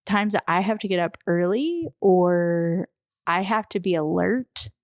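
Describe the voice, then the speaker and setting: A woman in her thirties, a podcast co-host, chatting casually and telling rambling, animated stories about her kids. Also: lowish voice, a little slow, no echo, clean studio sound. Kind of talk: casual chat.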